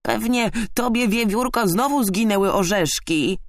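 A man's voice: high voice, measured pace, no echo, voice pushed up. A man playing a screechy, sarcastic magpie. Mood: ironic. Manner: screechy, ironic. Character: sarcastic touchy female magpie.

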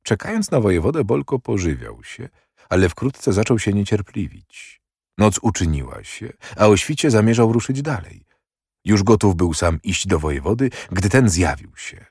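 A man narrating a historical novel in a measured, steady audiobook reading. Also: lowish voice, husky, dry recording, studio quality.

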